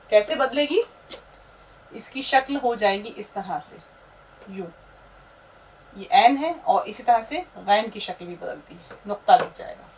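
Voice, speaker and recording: A woman with a fairly high voice teaches a beginners' class, walking through each letter shape slowly and patiently. She points things out as she writes. Her voice sits a little back from the microphone. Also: far from the mic, slight background noise, rough recording. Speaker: Urdu teacher. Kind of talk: step-by-step script lesson.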